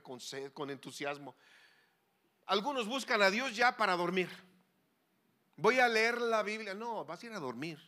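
A man preaching a sermon as a pastor, swinging between loud pleading cries and hushed, low asides. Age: 40s or older.

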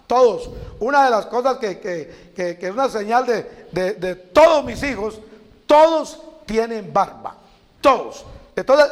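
A middle-aged preacher man with a very high voice. He tells lively stories and acts out the people he quotes, chuckling along the way. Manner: animated, acts out quotes, laughs at his own stories. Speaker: preacher guest. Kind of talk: storytelling sermon chat.

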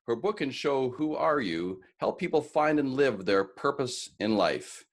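A man hosts a casual podcast interview with real enthusiasm. His mid-range voice moves a lot in pitch, and he talks with easy filler words. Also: big pitch swings, a little slow. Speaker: podcast host.

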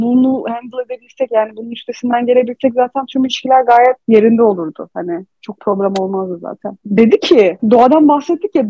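A woman's voice: fairly high pitch, no echo. A woman in casual confessional chat, telling a personal story candidly and emotionally, on a dull lo-fi recording.

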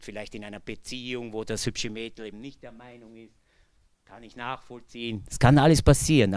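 The clean, studio-quality recording has no room sound. Speaking to an audience, an Austrian-accented man from Bucklige Welt, Lower Austria, shares an earnest testimony for a faith-based recovery community, his voice shifting from loud emphasis to hushed, low tones.

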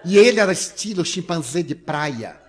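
An older man giving a talk to listeners, telling humorous anecdotes with animated delivery and frequent laughs. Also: on the high side, moderate pace, slight background noise. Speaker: lecturer.

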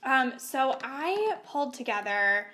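A woman's voice: sits high, sing-song, slow pace, pushed and bright. A woman co-hosting a podcast, upbeat and agreeable in casual lunchtime chat. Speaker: podcast co-host.

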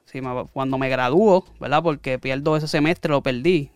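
A man's voice: medium pitch, moderate pace, clean tone, dry recording. A man, a guest telling his story in a rambling, casual way and often correcting himself. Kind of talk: casual interview chat.

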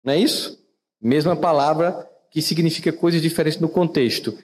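Lively Brazilian man with hall reverb. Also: a little fast, a little hiss or hum. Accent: Brazilian Portuguese. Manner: conversational, asks listeners questions, wide swings in pitch. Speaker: podcast host and teacher. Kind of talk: reflective motivational talk.

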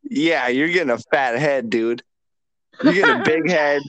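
A man's voice: fairly high pitch, normal speed, fairly bright tone, no echo, low-quality recording. A man hosting a podcast, teasing and needling his guest in casual banter. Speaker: podcast host.

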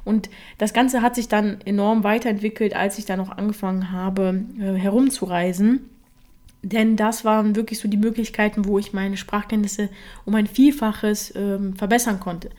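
This young podcast host has a warm, medium-pitched voice with fairly even intonation and a moderate pace. A native Russian speaker who grew up in Germany, she chats casually on her solo show, using many fillers.

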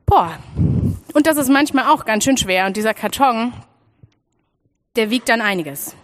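A young woman from Freiburg giving an animated children's sermon and speaking straight to her listeners. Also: fairly high pitch, normal speed. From Freiburg, Germany. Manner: animated storytelling, addresses listeners directly.

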